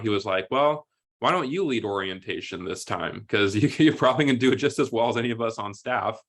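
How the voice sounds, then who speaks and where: A man who is a volunteer coordinator, hosting a casual interview and talking in a halting way with lots of fillers. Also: lowish voice, a bit bright.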